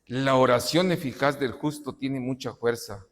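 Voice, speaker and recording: A male pastor preaching a sermon, asking rhetorical questions and shouting out dramatic quotes. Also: medium pitch, steady tone, moderate pace. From Mexico. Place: church hall. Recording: long reverb of a church hall.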